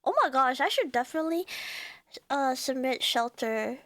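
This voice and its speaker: A woman's voice: high voice, moderate pace, fairly bright tone, no echo, clean studio sound. A woman streaming live in casual chat, giddy and rambling with lots of fillers, sounding congested.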